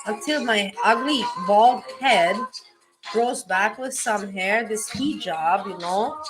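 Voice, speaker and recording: A middle-aged woman with a non-native English accent talks on her livestream in a blunt, heated way, swearing without holding back. Music plays clearly behind her voice, and her pitch sits in a middle range. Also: takes it slowly. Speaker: livestream host. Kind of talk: casual livestream chat. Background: music playing.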